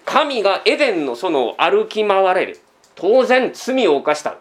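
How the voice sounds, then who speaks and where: A man preaches a sermon in a chatty, conversational way. His voice sits high and swings widely as he asks the congregation one question after another. He keeps tacking a small "this" onto the ends of his sentences. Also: sing-song, a little slow. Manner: tags sentences with a trailing "this". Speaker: pastor.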